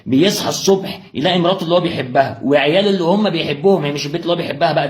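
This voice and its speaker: A man's voice: fairly high pitch, darkish tone. A young man with an Egyptian accent gives an impassioned motivational religious talk, firing rhetorical questions straight at the listener. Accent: Egyptian Arabic. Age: young adult.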